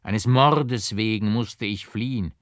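A man's voice: medium pitch, big pitch swings, normal speed, fairly bright tone, dry recording, clean studio sound, pitched above the performer's own voice. A man voicing a comical, melodramatic male barber who sighs and complains. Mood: whiny lament. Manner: plaintive, sighing, melodramatic. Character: comical runaway male barber, whiny and theatrical.

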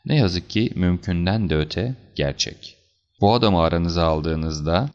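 A man voicing a calm, assured detective who explains things in a measured, slightly stern way, for an audiobook. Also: deep voice, gravelly. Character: calm, assured male detective, cool and deliberate. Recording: slightly dull lo-fi recording.

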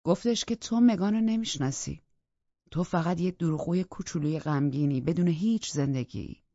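A woman reading an audiobook, voicing an angry, accusing husband in a harsh, bitter manner with a husky voice. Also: on the low side, dark tone, no room sound, lo-fi sound. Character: angry menacing grieving husband, man.

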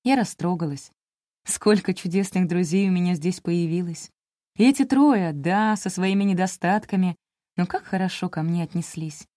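Low, dark-voiced woman narrating a memoir. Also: moderate pace, no echo, studio quality. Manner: confessional, intimate storytelling. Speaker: audiobook narrator. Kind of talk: first-person audiobook narration.

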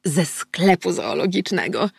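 A woman voicing a chatty, nosy middle-aged neighbour who talks in a raised, excitable way for an audiobook. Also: fairly low pitch, measured pace, creaky, breathy edge, no echo, clean studio sound, full character voice. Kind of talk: audiobook character voice.

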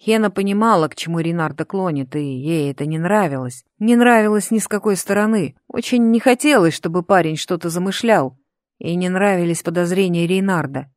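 Woman reading a novel, lowish and dry. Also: brisk, dry recording. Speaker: audiobook reader. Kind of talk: scripted audiobook narration.

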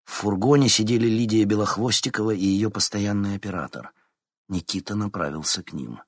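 A man narrating a fantasy audiobook in a steady, dramatic reading. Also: lowish voice, fairly quick, no room sound, clean studio sound. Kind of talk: scripted narration.

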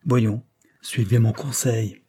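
A man's voice: medium pitch, little pitch movement, slow, warm tone, slightly rough. A man reading aloud plays an obstinate, domineering judge who gives brusque orders. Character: stubborn, bossy middle-aged man, a judge.

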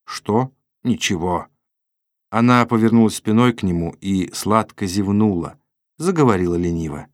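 A man narrating a classic novel as an audiobook in a measured, unhurried way. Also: on the low side, animated, dry recording, clean studio sound.

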